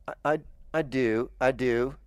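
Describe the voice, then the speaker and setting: A man's voice: mid-range voice, unhurried, clean tone, no echo. Podcast host, American man, chatty and rambling, dry close mic. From United States. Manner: rambling, chatty, with stammered restarts. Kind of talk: casual chat.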